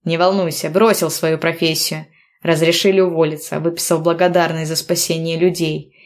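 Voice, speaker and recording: A cocky, teasing young man, voiced by a woman in a read-aloud story. He talks in playful, mock-stern banter. His voice sits fairly low for a woman. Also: level tone, normal speed, natural voice. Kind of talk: audiobook dialogue reading.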